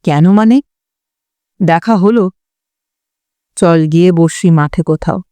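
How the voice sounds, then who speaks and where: Storybook part: woman playing a steady young man. Firm, slow, mellow. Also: on the low side, smooth, no room sound, pitched below the performer's own voice. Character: calm young man, the first-person narrator. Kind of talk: audiobook character voice.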